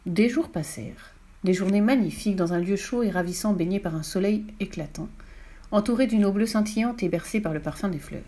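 A woman narrating a children's storybook in a clear, expressive reading voice. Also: medium pitch, fairly quick. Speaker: audiobook reader.

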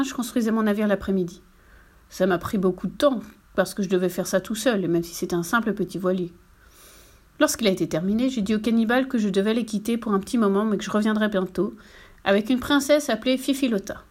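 A woman's voice: medium pitch, fast talker, darkish tone, close to an everyday voice. A woman voicing a big, jolly sea captain father who boasts about his adventures, in a storybook reading. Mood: hearty.

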